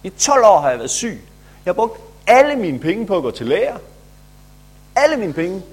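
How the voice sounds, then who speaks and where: A man's voice: sits high, very animated, husky, voice pushed up, exaggerated voice. A man voicing a grown woman who has been ill for years, telling her story earnestly and insistently.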